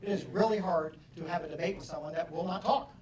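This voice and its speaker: Animated middle-aged man in an echoey hall. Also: fairly high pitch, quick pace, crowd noise. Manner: animated, acts out dialogue, loud bursts. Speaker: motivational speaker. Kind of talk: keynote talk to an audience. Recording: roomy, distant hall mic, faint ambience.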